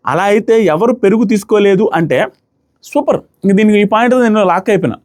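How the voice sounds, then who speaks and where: A man's voice: sits high, expressive, fast talker, a little mellow. A young man reviewing a reality show, giving emphatic, argumentative commentary and hammering the same points again and again. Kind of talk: opinionated commentary.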